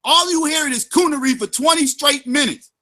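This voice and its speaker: A man's voice: very high voice, a little fast, sharp tone. A man giving angry, profane, sarcastic commentary on a livestream.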